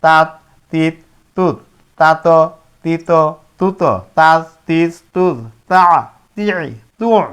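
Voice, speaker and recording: A man with a Bangladeshi Bengali accent leads a Quran reading lesson, sounding out each syllable in turn with pauses between them. His delivery is very slow and deliberate. His voice is smooth and crisply clear. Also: fairly high pitch, fairly even intonation. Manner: chants Arabic letter-vowel syllables one by one, pausing between. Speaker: Quran teacher.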